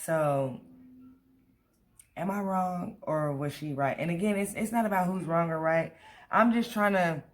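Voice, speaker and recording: A man's voice: on the high side, moderate pace. An American man talking casually and at rambling length to viewers, venting in a storytime vlog. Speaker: vlogger. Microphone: camera on a tripod.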